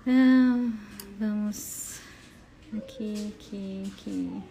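A woman's voice: mid-range voice, extremely slow, vocal fry, mellow, a little hiss or hum. A woman with a Brazilian accent hosting a casual live stream, chatty and effusive as she greets viewers by name. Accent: Brazilian Portuguese.

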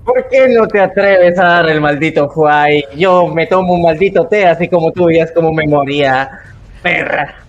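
A man voicing a smug male thug with a slow, mocking drawl. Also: fairly high pitch, lo-fi sound, a little hiss or hum, lightly acted. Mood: taunting.

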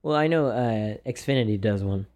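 A man's voice: fairly low pitch, normal speed, darkish tone. A man chatting casually and joking around, at times slipping into a mock Southern drawl. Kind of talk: casual chat.

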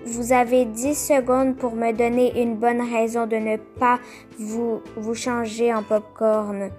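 A woman voicing a huge, smoke-snorting dragon who growls and shouts, reading a storybook aloud. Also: on the high side, level tone, takes it slowly, faint music behind. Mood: shouting. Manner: growling, shouting, bursts of laughter.

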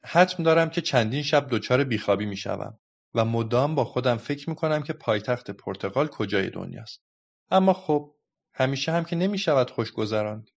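A man voicing a cheeky, quick-witted little girl who talks playfully, in a dull lo-fi recording. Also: mid-range voice, animated, creaky.

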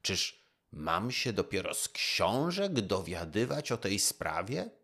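A man's voice: low-pitched, very animated, slow pace, pushed and bright, exaggerated voice. A man voicing a proud, vain old emperor who gives orders in a demanding way. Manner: imperious, demanding.

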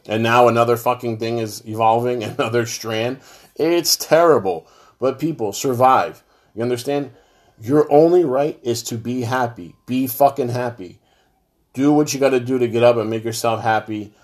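A middle-aged man speaks frankly to his fans about hard times. His voice sits in an everyday middle register. He is blunt and heavy-hearted and swears freely as he talks. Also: medium pitch. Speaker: show host talking to fans. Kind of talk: personal monologue to camera.

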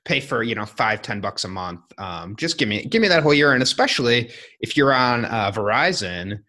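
A man hosting a casual podcast, with a bright, clear-toned voice. He talks in a loose, chatty way, full of fillers and restarts. His pitch sits in an ordinary middle range. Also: lively intonation, normal speed. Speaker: podcast host.

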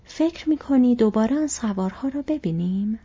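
A woman's voice: fairly high pitch, breathy edge, pitched above the performer's own voice. A woman doing Pippin, a perky curious hobbit. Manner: lively, prying. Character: cheerful curious young male hobbit. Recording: dull lo-fi recording.

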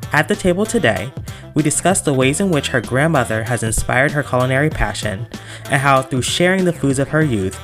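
Opening from a script and then questioning a guest, this podcast host comes across as enthusiastic and upbeat, in a mid-range voice that's a bit bright.

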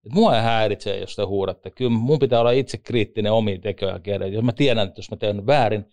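A man, an ice hockey referee and former league player, telling lively joking anecdotes in a casual interview. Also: on the low side.

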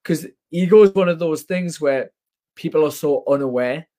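A man's voice: a little high, normal speed, dark tone. A young British man chatting casually in a blokey, emphatic, sweary way. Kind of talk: casual chat.

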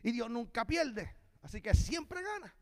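A man preaching a sermon as a visiting preacher, telling stories lively, acting out the dialogue and building to shouted peaks. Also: very high-pitched, unhurried.

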